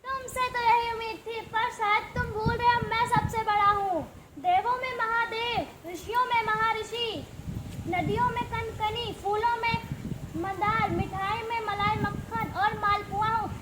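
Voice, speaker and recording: A woman's voice: extremely high pitch, fairly even intonation, a little slow, reverberant, background noise. A woman playing a proud male letter of the alphabet who taunts his rival in a school stage play. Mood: taunting. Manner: taunting, boastful.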